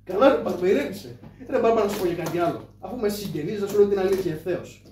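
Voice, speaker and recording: A cheeky, boastful trickster of shadow puppet theatre, as a man puts him on, high and joking, hollering like a street crier. The voice sits well above a normal man's and rings through a roomy hall. It sounds caught from across the stage with faint ambience under it. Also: warm tone, natural voice. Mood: teasing. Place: live stage. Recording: echoey distant stage mic, faint ambience.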